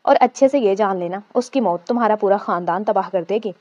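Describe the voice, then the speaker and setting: A woman's voice: mid-range voice, darkish tone, no room sound, dull audio, close to an everyday voice. A woman voicing a cruel, vengeful man of about thirty who speaks with cold contempt. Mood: menacing.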